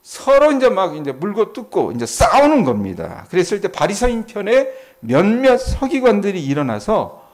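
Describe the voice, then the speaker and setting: A man's voice: wildly swooping pitch, normal speed. A middle-aged male pastor, preaching an early morning Bible sermon and asking the congregation questions, then answering them himself. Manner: acts out quoted voices with sudden pitch jumps. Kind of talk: dawn service Bible exposition sermon.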